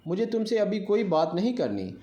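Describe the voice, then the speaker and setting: A man's voice: high voice, sing-song, warm tone, muffled recording. A man voicing a stern middle-aged aunt who scolds her young nephew, read in a storybook telling. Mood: stern scolding. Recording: echoey room.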